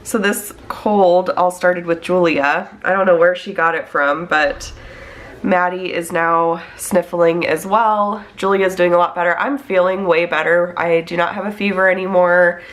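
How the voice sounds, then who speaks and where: With a lowish, fairly even voice and a slightly slow pace, a woman in her thirties chats about her budget while working on a tablet. She's a budget planning vlogger with a cold-induced congestion who talks through what she's doing in a chatty manner.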